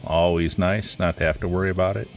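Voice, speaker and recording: A man's voice: sits low, steady tone, quick pace. A man giving casual, rambling live gameplay commentary as a streamer, his voice stuffy from a cold.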